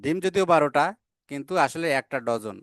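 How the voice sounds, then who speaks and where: A male teacher works through a grammar lesson step by step at a patient pace, slowing way down to read English example sentences. His slightly high voice is smooth and clear with lively intonation, broken by small "ah" fillers and quick self-corrections. He's recorded close up in a dry space with no room sound.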